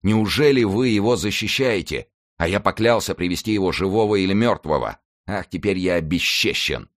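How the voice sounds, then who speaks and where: A man's voice: low voice, normal speed, close to an everyday voice. A man voicing a bold, proud young swordsman with a Gascon accent, his voice raised and ringing. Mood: anguished.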